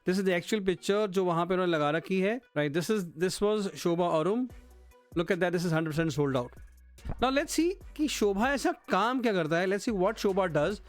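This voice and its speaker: High-voiced man walking through slides. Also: animated, slow, soft background music. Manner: code-switching, addresses viewers as friends and guys. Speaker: real-estate channel host. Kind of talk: presenting slides to camera.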